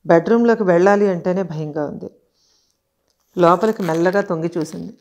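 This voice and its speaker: A woman narrating a horror audio story, in a calm, measured reading voice with short pauses. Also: fairly low pitch.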